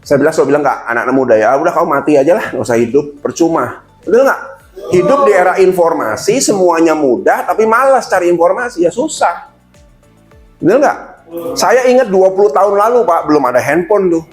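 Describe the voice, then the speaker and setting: Lively man giving a seminar. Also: sits high, a little fast, soft background music. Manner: lively, addresses listeners as "Pak", acts out quotes. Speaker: motivational speaker. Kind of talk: seminar talk to an audience.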